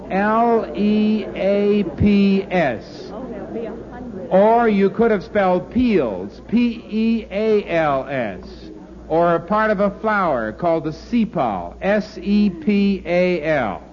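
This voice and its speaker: A man's voice: high-pitched, sing-song, slow. A man hosting an old radio quiz show in a joking, coaxing way, heard from an old broadcast disc recording. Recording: dull lo-fi old radio disc with faint hiss.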